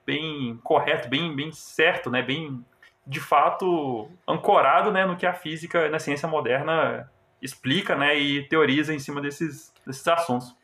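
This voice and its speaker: A roomy, echoing recording of a Brazilian man with a slightly high voice. He has a Brazilian Portuguese accent and explains things conversationally as a podcast co-host. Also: a little slow, pushed and bright. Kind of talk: casual explanatory chat.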